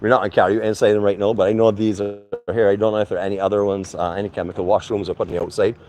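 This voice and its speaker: A man's voice: fairly low pitch, flat delivery, rapid-fire, darkish tone. Chatty man vlogging a venue walk-through. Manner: chatty and friendly, frequent fillers. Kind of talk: casual walk-through vlog. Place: venue under a tent, indoors and outdoors.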